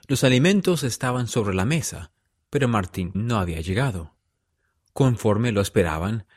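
Male storyteller, low pitch, solemn and measured, dry recording. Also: no echo. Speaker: narrator. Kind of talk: scripted story narration.

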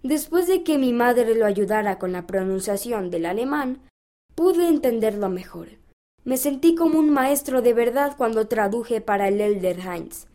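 A woman reading aloud a children's magazine story as scripted narration, in a calm, even storybook manner. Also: a little high, measured pace.

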